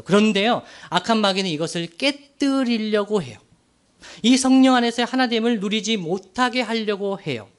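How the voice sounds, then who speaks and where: Casting note: male pastor with a high, bright voice, delivering an earnest sermon with slow, weighty emphasis. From Daegu, South Korea. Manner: earnest, slow emphatic phrasing with rhetorical questions to the congregation.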